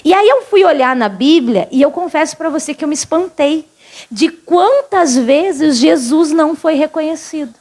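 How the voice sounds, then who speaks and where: Uma pastora gaúcha de voz bem aguda prega num culto. Ela fala com a congregação como numa conversa e faz perguntas o tempo todo. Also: female voice, sits high, a little mellow. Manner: conversational, questions the congregation often. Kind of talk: sermon. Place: church service.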